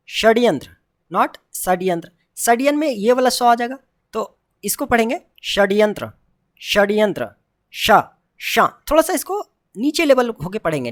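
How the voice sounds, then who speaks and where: A woman giving an online pronunciation lesson, repeating sounds slowly and setting right forms against wrong ones, with English phrases mixed in. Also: on the high side. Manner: mixes English phrases into Hindi. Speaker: pronunciation teacher.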